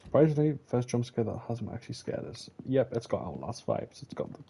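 A man's voice: mid-range voice, big pitch swings, brisk, creaky, warm tone, husky. A man casually commenting on a horror game he plays, rambling with many fillers and wry remarks. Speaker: gameplay commentator. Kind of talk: casual let's-play commentary.

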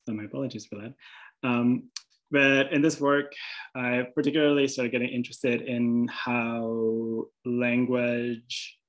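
A Venezuelan man with a Venezuelan accent presents his artwork over slides, speaking hesitantly with frequent restarts and fillers. His voice sits at a medium pitch, and the audio is poor.

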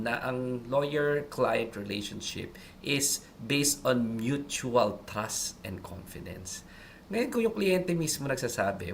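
Lively, emphatic male lawyer guest. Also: medium pitch, slight background noise. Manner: animated and emphatic, mixes English into his talk. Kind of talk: expert interview commentary.

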